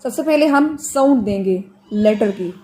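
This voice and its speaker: A woman teaching the pronunciation of Quranic letters in an online class, explaining patiently with everyday examples and drawing out sounds slowly for students to copy. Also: fairly high pitch, lively intonation, warm tone, slight background noise. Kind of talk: online tajweed lesson.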